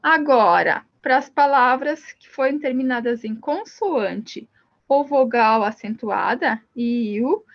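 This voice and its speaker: A woman's voice: high-pitched, lo-fi sound. A Brazilian woman teaching Spanish grammar step by step, often saying "então" and "ó" as she points to examples. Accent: Brazilian Portuguese. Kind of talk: recorded classroom lesson.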